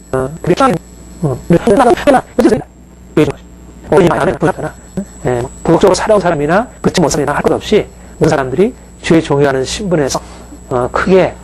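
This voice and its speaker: A man's voice: high-pitched, darkish tone, low-quality recording. A male pastor giving a conversational sermon, with frequent fillers and rhetorical questions to the congregation.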